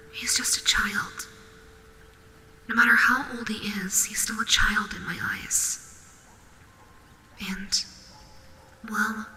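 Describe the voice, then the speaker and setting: Woman as slow, halting tsundere nightmare rabbit, Nightmare Bonnie. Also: fairly high pitch, a little hiss or hum. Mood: hushed, protective. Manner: hesitant, halting, flustered tsundere softness. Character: tsundere female nightmare animatronic rabbit, gruff but protective. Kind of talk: soothing roleplay audio drama, intimate ASMR.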